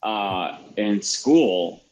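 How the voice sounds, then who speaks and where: A man's voice: lowish voice, lively intonation, extremely slow, darkish tone, rough recording. A man telling a childhood story in casual, profane podcast chat. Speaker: podcast guest.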